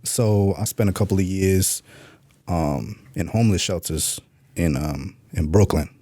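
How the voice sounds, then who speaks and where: In a dry recording, a New York man with a low, mellow voice narrates his life on a podcast at a measured pace. His style is frank and streetwise, full of profanity, and he performs remembered dialogue in a raised voice while storytelling candidly in an interview.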